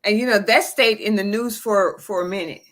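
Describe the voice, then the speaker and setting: A woman co-hosting a talk show, speaking in a measured way with formal phrasing. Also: medium pitch, fairly bright tone. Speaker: co-host. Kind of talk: casual talk show chat.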